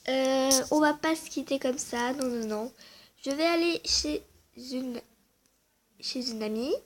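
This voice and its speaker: A woman's voice: sits high, takes it slowly. A woman casually walking viewers through her game character, chatty and hesitant, muttering asides under her breath. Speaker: game vlogger. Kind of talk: casual game walkthrough chat.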